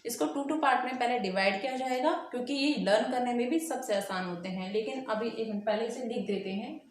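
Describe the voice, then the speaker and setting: Higher-pitched woman teacher, echoey room. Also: a little fast. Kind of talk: exam-prep grammar lesson.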